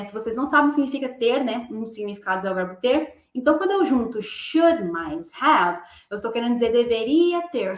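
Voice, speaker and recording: A woman teaching English pronunciation in a casual online lesson, chatting and slowly repeating example words. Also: a little high, reverberant.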